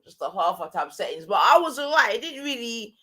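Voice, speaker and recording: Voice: mid-range voice, sing-song, a little fast, bright, forceful tone. Middle-aged London roadman storyteller, slangy. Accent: London, street slang. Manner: London roadman way of talking, slangy, frequent tag questions. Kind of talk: casual storytelling chat.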